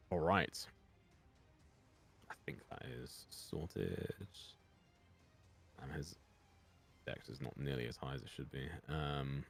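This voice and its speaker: A man's voice: a bass voice, a bit bright, dry recording. A man narrating as game master of a live-streamed tabletop game, rambling with many fillers, his voice a little weak. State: slightly weak voice. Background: faint music.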